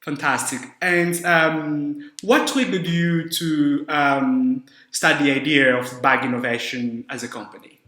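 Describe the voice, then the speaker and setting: Bright-voiced young podcast host, echoey. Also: male voice, fairly high pitch, steady tone, slow, hardly any pauses. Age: young adult. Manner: hesitant, repeats words, many fillers. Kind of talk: podcast interview. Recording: echoey room.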